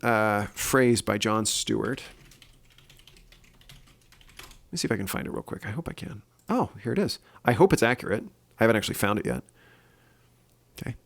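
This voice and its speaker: Earnest low gravelly man, podcast host. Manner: earnest, thinking aloud with fillers and restarts. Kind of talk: solo podcast commentary.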